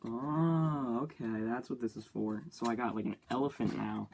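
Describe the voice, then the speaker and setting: A young man with a medium-pitched voice runs a casual commentary to himself as he builds and plays. He talks in a chatty, joking way and gets excited easily. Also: normal speed, creaky, slight background noise. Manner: chatty self-talk, easily excited, jokey. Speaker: YouTuber.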